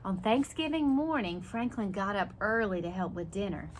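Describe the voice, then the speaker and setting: A preschool teacher with a mid-pitched voice reads a picture book aloud to preschoolers at a moderate pace. She is animated, explaining and asking questions directly to the young listeners, with noticeable ambient noise behind her.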